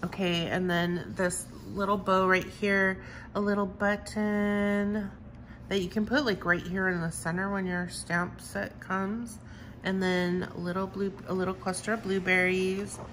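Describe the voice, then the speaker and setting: Woman crafter, slow unhurried delivery, effusive show-and-tell, faint room noise. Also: mid-range voice, flat delivery, a bit bright, poor audio. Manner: gushing, enthusiastic, repeats "I love" and "so cute". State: has the hiccups. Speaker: crafting vlogger. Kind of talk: casual show-and-tell of stamps.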